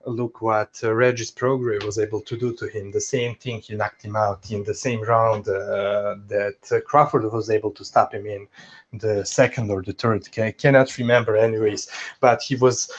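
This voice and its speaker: A man co-hosting a casual boxing podcast, talking haltingly with many fillers and restarts. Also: lowish voice, fairly even intonation. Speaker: podcast co-host. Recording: dull lo-fi sound.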